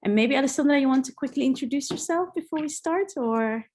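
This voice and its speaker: A woman's voice: high voice, quick pace, darkish tone. Woman, researcher, online workshop talk, hesitant, lots of fillers, video call audio. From Somali diaspora, born in Egypt, raised in the Netherlands. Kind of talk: online talk, partly read from notes.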